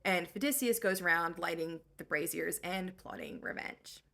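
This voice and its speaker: A woman's voice: fairly low pitch, normal speed, gravelly, fairly bright tone. Young female host for a snarky book recap, casual and sarcastic. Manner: sarcastic, slang-heavy.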